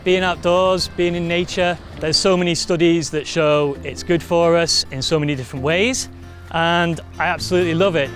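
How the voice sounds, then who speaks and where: A man's voice: fairly high pitch, fairly even intonation, normal speed. A man presenting a walk outdoors on a coastal path, upbeat and conversational. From Wales. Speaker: walking presenter. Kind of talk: presenting a travel walk to camera. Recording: faint guitar music behind. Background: soft guitar music.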